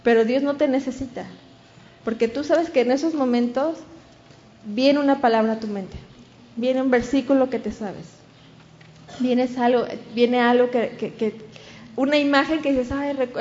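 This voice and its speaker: A woman's voice: high voice, a little mellow, dull audio, a little hiss or hum. A woman with a Mexican accent preaching a sermon, telling a story and acting out the voices of the people in it.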